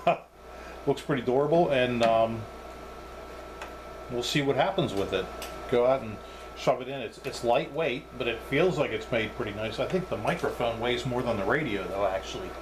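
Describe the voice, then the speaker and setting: A man at a moderate pace and in a mid-range voice casually reviews radio equipment as he handles it, hesitantly voicing his thoughts. The recording has obvious background noise.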